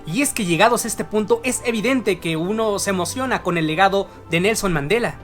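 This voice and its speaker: A host narrating a scripted educational video in an earnest, measured way, often turning to ask the viewer questions. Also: mid-range voice. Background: faint background music.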